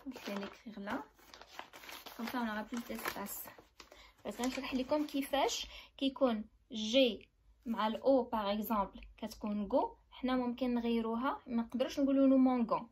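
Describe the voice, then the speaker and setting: A woman's voice: a little high, brisk, pauses often, a little mellow, slight background noise. A young woman with a Moroccan accent teaching basic French, explaining each point step by step and checking that her students follow. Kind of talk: classroom lesson.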